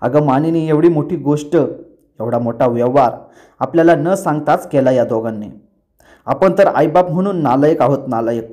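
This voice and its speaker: A man's voice: fairly high pitch, normal speed, mellow, close to an everyday voice. A man voicing a stern father from a TV serial, scolding his son harshly. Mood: angry.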